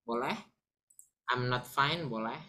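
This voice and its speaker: Casting: woman, low voice, relaxed chatty teacher walking viewers through examples. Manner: chatty, addresses viewers as friends, explains slowly with examples. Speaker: English teacher. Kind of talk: casual online English lesson.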